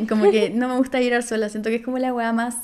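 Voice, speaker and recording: A woman's voice: fairly high pitch, little pitch movement, fast, darkish tone. A young woman from Chile with a Chilean accent, chatting casually as a podcast guest, rambling with slang and fillers. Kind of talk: casual chat.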